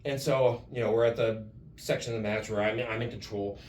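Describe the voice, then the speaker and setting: Fast-talking man telling stories in an echoey room. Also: lowish voice, far from the mic, slight background noise. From Canada. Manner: animated storyteller, swears freely. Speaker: guest wrestler. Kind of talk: casual storytelling interview. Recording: roomy, off-mic with faint ambience.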